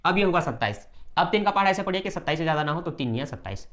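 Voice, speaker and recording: A man teaching a math lesson step by step, brisk and repetitive, often checking that students follow. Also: on the high side, lively intonation, a bit bright.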